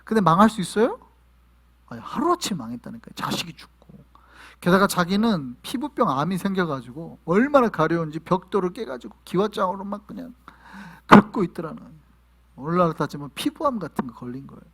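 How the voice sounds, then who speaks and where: Man, pastor, sermon, high voice, very lively pitch, rhetorical questions. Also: brisk, slightly rough. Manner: animated preaching, questions to the congregation, sudden shouts. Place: church in New York.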